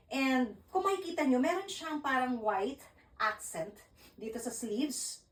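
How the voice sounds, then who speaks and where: A woman with a Filipino accent hosting a casual fashion vlog, chatty and animated while she dresses and styles an outfit. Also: on the high side, reverberant, distant mic, poor audio. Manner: chatty, Taglish code-switching, animated. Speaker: fashion vlogger.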